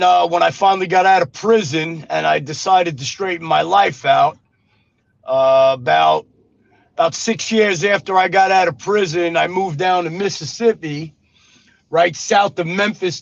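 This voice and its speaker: A Brooklyn man in his 50s, a former gangster, tells his life story as an interview guest in a casual street-talking style, dropping "brother" and "you know what I mean." His voice is high with vocal fry and a measured pace, captured in a dull, dry lo-fi recording.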